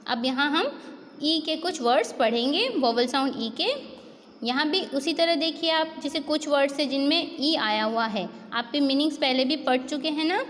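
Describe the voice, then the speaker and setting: Brief: Indian woman kindergarten teacher, high voice, echoey room with faint noise, spells out letters patiently. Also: fairly bright tone. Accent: Indian English. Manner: slow, patient, spells out letters and quizzes pupils. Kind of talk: classroom phonics lesson.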